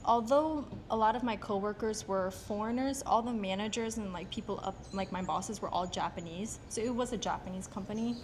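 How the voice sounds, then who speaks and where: A young American woman with a mid-range voice answers interview questions outdoors on a street in Japan, over slight background noise. She talks briskly with hardly any pauses, yet sounds soft-spoken and casual, her phrasing hesitant and packed with fillers.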